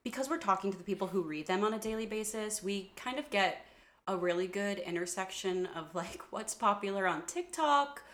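A woman's voice: mid-range voice, lively intonation, brisk, fairly bright tone. Bubbly young woman podcast co-host. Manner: bubbly, giggly, rambling with fillers. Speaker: bookstore worker. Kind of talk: casual chat.

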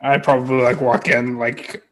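A man plays a tabletop role-playing game, describing his moves in casual chat. His pitch is average, and he thinks aloud with a wry manner. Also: little pitch movement, normal speed, fairly bright tone, rough recording.

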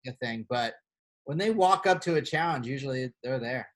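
A man's voice: mid-range voice, fairly quick. A man co-hosting a casual podcast, playful and loose, with lots of fillers and some swearing. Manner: playful, animated reading of gossip. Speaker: podcast co-host. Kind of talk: casual chat.

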